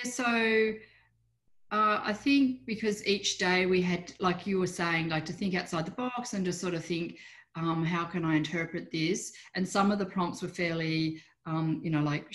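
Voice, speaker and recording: A middle-aged Australian woman, an artist chatting informally in an interview, rambling and trailing off mid-sentence, on a video call from a room at home. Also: on the low side. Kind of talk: casual interview chat. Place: small room at home, indoors.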